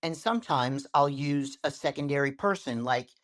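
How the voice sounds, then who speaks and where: On what sounds like a video call, a man interviewed on a podcast as a social media coach tells stories animatedly, varying his speed and tone for effect. His voice is mid-range and his speed normal.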